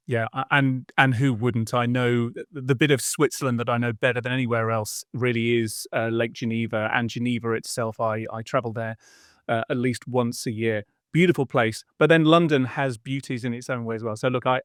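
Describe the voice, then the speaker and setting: Friendly and conversational, with a few restarts, this business podcast host introduces the show and puts questions to his guest. The man has a mid-range voice, recorded dry at studio quality.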